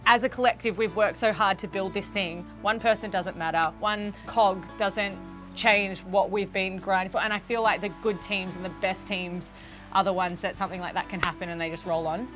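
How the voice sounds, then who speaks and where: A young woman, a netball player, speaking earnestly in a documentary interview and growing animated as she recalls key moments. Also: lowish voice.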